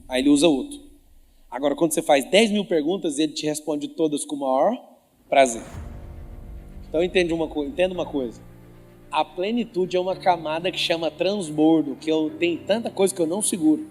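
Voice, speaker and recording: A man with a high-pitched voice delivers a motivational talk with religious teaching to a live audience. He keeps teasing and quizzing the crowd. The sound carries a long hall reverb with faint music under it. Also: fairly quick, a little mellow. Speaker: motivational speaker. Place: large event venue with live audience.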